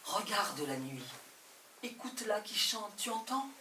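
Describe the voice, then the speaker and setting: A woman's voice: medium pitch, sing-song, measured pace, sharp tone, slight background noise. A woman performing an intense, theatrical poetic monologue, speaking directly to a listener. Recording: roomy and distant from the mic.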